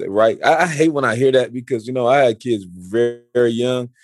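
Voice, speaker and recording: A man's voice: medium pitch, no echo. A man in his forties chatting casually, often stumbling and restarting his sentences. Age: 40s. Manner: halting, repeats words and restarts often. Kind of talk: casual chat.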